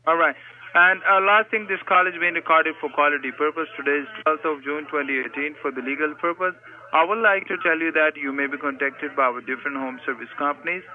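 This caller's voice runs on the high side and fairly quick. Claiming to be a senior supervisor, he's a telemarketer reading scripted sales questions with stiff politeness and repeated "sir"s, heard as thin speakerphone audio.

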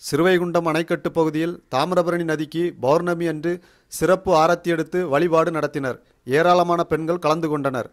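High-voiced Tamil news reader, formal. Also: male voice. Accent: Tamil Nadu. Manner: formal, measured news delivery. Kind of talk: scripted news narration.

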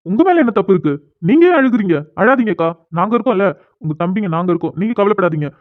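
A bold cartoon schoolboy leads his friends against a grown man, defiant and firm, played by a man. His voice is quite high, and it sounds tinny and phone-like. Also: expressive, quick pace. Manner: defiant, reassuring to the sister.

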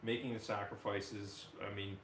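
A man's voice: lowish voice, little pitch movement, moderate pace, fairly bright tone, a little hiss or hum. A man, chatting casually and telling rambling stories as a homestead channel host in a living room. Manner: easygoing, rambling storyteller. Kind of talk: casual group chat. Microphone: far camera. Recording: echoey room.

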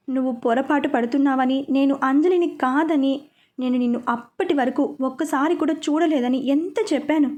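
Storybook young woman, weak yet defiant, high mellow voice, read by a woman. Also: lightly acted. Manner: weak but steady, resentful.

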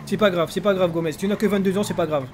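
A man's voice: high voice, fairly even intonation, fast talker, darkish tone, slight background noise. A man playing a cheeky troublemaker in an online role-play game, teasing and repeating himself.

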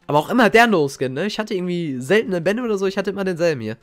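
A young man giving casual, slangy reaction commentary as a gaming YouTuber, excitable and reminiscing. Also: sits high, very fast, dry recording. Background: faint game music.

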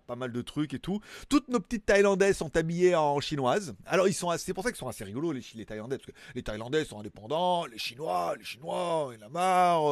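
A man's voice: a little high, no room sound. A man hosting a casual tech news show, chatting in a rambling, jokey way with frequent asides. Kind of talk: casual chat.

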